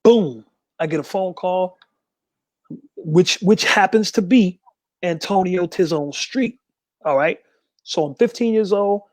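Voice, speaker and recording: A man, a gospel artist, telling an interviewer about his past in a quick, emphatic way and acting out the voices of people he quotes. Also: high-pitched, no echo. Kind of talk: candid storytelling.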